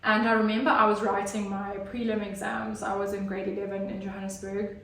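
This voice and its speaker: A woman in her 30s from Zimbabwe tells her personal story as an interview guest, earnest and hesitant with many fillers. Her medium-pitched voice is brisk, a bit bright, and flat in delivery, recorded on a distant mic in a roomy space.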